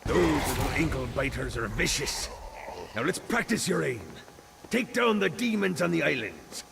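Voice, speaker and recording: Gravelly pirate captain, boastful, game audio with a noisy hiss under it. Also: male voice, on the high side, lively intonation, normal speed. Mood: swaggering. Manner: pirate dialect, swaggering. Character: boastful old male pirate captain of hell.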